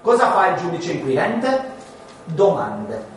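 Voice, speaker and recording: A man teaching a class on Genesis, animated and full of rhetorical questions, sometimes acting out voices. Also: sits high, slow, slight background noise. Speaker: Bible teacher. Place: large room with listeners. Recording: echoey hall, distant mic.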